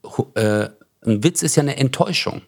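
A man's voice: medium pitch, moderate pace, creaky. A man with a Swabian accent, a comedian hosting a podcast, chatting casually and acting out dialogue as he tells stories. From Germany. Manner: animated storyteller who acts out dialogue in joke retellings. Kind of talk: casual conversation.

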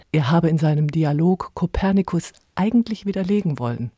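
Woman reading a radio report, dark husky voice, dry studio sound. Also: sits low, no room sound. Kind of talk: scripted feature narration.

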